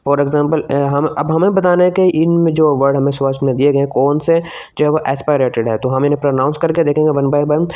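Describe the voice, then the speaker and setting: A man teaching a language class. He reads each question slowly, then explains it in quick, loose talk with restarts and fillers. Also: fairly high pitch, steady tone, narrow, tinny audio. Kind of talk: study-question lesson in Hindi-English mix.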